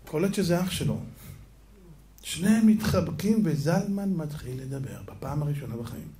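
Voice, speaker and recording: A male rabbi delivering a lesson through stories, his voice sitting fairly high. He talks animatedly, throws rhetorical questions at his listeners and acts out the people he quotes. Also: expressive, dark tone. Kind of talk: storytelling Torah lesson.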